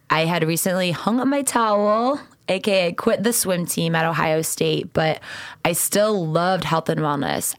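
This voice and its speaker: A woman's voice: fairly low pitch, a bit bright, no echo. A woman in her twenties hosting a podcast, telling stories casually in an enthusiastic, earnest way. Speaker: podcast host and founder.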